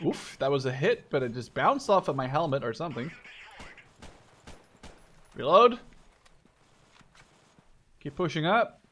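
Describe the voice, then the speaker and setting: Here a gaming video creator in his twenties, from Canada or the Netherlands, delivers casual gameplay commentary that wanders, stops mid-sentence and includes swearing. His voice sits on the high side and is very animated and fairly bright, moving a little slowly with frequent pauses.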